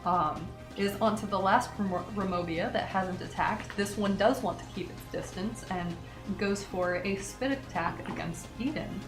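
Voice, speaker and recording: A woman's voice: mid-range voice, moderate pace, hardly any pauses, music in the background. Woman game master in an echoey room. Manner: hesitant, filler-heavy, self-correcting. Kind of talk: narrating a tabletop game.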